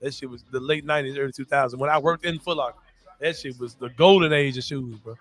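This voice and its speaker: A man with a mid-range, somewhat bright voice talks fast as he hosts a casual podcast. He chats about sports and pop culture in loose slang, laughs often, and leans on "bro" for emphasis.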